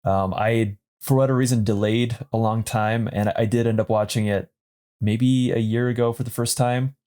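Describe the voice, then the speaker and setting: A man in his thirties co-hosting a podcast, talking thoughtfully with many pauses and fillers. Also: on the low side, steady tone, a little mellow. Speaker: podcast co-host. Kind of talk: casual chat.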